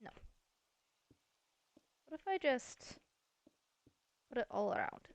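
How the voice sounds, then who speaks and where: Woman, gameplay commentary, chatty, self-mocking, higher-pitched, dry close sound. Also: big pitch swings, takes it slowly, vocal fry, no echo. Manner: chatty, thinking aloud, playfully self-mocking. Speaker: Minecraft let's-play host.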